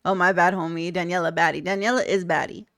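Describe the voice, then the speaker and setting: A woman's voice: fairly low pitch, fairly even intonation, quick pace, fairly bright tone, no echo, clean studio sound. A young woman streaming live, chatting candidly with her viewers, blunt and laughing often. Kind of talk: casual chat reading viewer comments.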